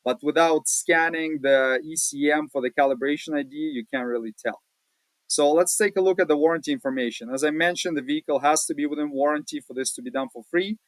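A man hosting a casual screen-share walkthrough, talking in a relaxed, plain-spoken way with many fillers, recorded at a home desk. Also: a little high, a little fast, dry recording, low-quality recording. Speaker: automotive channel host.

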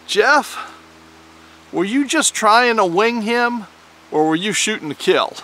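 A wry, good-humored old frontier judge, as a storyteller puts him on, with a bright voice pitched a little higher than the teller's own. The questions come out dry and amused. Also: male voice, lively intonation, takes it slowly, heavily acted. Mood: wry amusement.

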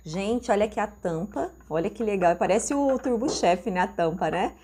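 A woman from Brazil chatting excitedly to her viewers while unboxing kitchenware at home. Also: medium pitch, moderate pace, slight background noise. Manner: chatty and gushing, calls viewers "amores". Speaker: vlogger unboxing and reselling kitchenware. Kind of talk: casual unboxing chat to viewers. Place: home room with a mirror.

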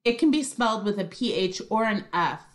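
A woman's voice: mid-range voice, animated, fairly quick. A woman co-hosting a podcast, chatting in a playful, upbeat way. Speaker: podcast co-host. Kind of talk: casual chat.

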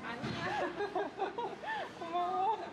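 High-voiced woman talking through a face mask. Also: drawn-out words, a loud crowd. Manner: relaxed, chatty, short reactions. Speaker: vlogger. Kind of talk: casual vlog chat. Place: out and about in a busy area. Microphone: handheld camera mic. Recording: loud background noise.

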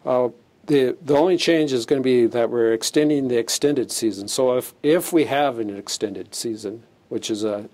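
A man's voice: medium pitch, warm tone. A middle-aged man, a fisheries chief explaining new rules in a plain, matter-of-fact way, with fillers and restarts, on a lapel mic in a studio. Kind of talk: studio interview, explaining regulations. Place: studio set, indoors.

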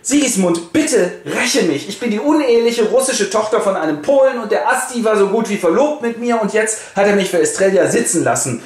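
A man voicing a dramatic young woman who talks in a shrill, indignant way. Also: animated, brisk, hardly any pauses. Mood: pleading. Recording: roomy with faint hiss.

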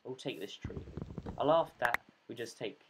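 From his bedroom, a gaming channel host delivers casual let's play commentary, rambling, mocking himself, and often dropping to a whisper. His voice is mid-range and animated at a moderate pace, and the home recording is noisy.

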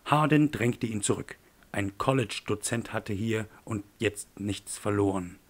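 Male audiobook narrator, low voice, measured and tense.

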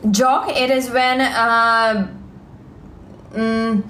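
Slow, halting Russian-accented young woman. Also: a little high, fairly even intonation, a bit bright, roomy sound, slight background noise. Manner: halting, simple English with many fillers and repeats. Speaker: livestream vlogger. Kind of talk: live stream chat, reading comments. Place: indoors, small room. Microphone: phone held close.

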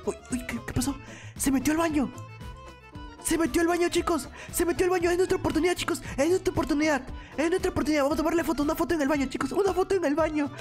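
A woman hosting a gaming video, commenting excitedly to viewers and repeating phrases urgently over background music. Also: very high voice, very fast. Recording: music behind the voice.

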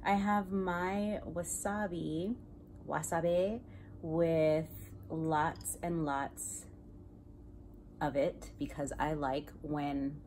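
A woman hosting a mukbang video, chatting playfully and joking between bites, sometimes dropping into soft whispery asides. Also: deep voice, a little hiss or hum. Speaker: host. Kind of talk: casual mukbang chat while eating.

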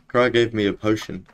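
A young man with a broad New Zealand accent, chatting casually and slangily in a laid-back way while streaming a game. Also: fairly low pitch. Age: young adult. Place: small indoor room at home.

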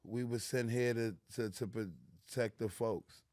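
A man's voice: medium pitch, steady tone, measured pace, darkish tone, dry recording, clean studio sound. A middle-aged man with a New York accent, a guest in a casual interview, talking in a laid-back street manner full of "you know what I'm saying". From New York City. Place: small studio lounge with plants, indoors. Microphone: studio mic on a boom arm.

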